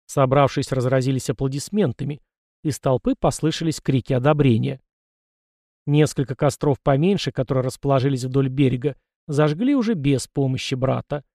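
Mellow-voiced male audiobook narrator. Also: moderate pace, dry recording, studio quality. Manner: even storytelling, voicing characters with a raised pitch. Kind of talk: scripted narration.

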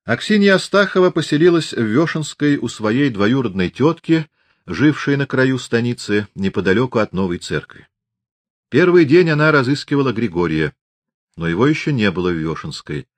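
A man narrating an audiobook in a measured, expressive reading. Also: mid-range voice, no echo.

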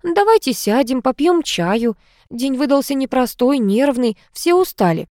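A woman voicing an older mother, gentle and anxious, soft and pleading in manner. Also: high-pitched, big pitch swings, unhurried, no room sound, studio quality, voice pushed up.

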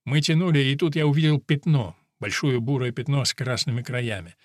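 A man's voice: medium pitch, steady tone, brisk, no echo, studio quality. A man narrating an audiobook in first person, telling it vividly and acting out other voices. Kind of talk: expressive audiobook reading.

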